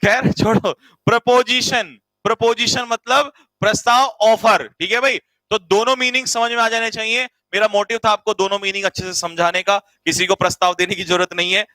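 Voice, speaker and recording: This Hindi vocabulary teacher has a high, pushed, bright voice with fairly even intonation and a moderate pace. Playfully calling students beta and bhai, he teases them and repeats every meaning for note-taking. The low-quality recording has no room sound.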